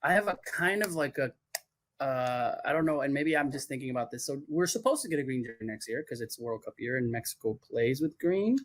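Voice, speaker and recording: On a podcast, a man who handles branding for athletes talks loosely and chattily, with many fillers. His mid-range voice is expressive and brisk, with no room sound.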